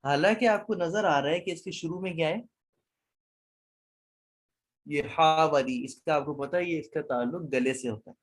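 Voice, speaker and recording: A man lecturing a class, quizzing students and mixing in English words. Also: on the high side. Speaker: Arabic teacher.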